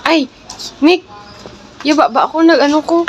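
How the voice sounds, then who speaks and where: A woman with a fairly high voice who answers in brief, offhand remarks. She speaks in a relaxed, casual way. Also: normal speed, background noise. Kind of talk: casual chat while shopping.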